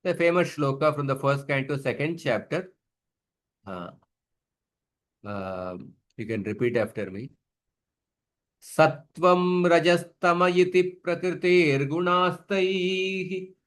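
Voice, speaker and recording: A man teaching a scripture class, chanting Sanskrit verses slowly for students to repeat and patiently explaining pronunciation. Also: mid-range voice, steady tone. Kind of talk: online scripture class with call-and-response chanting.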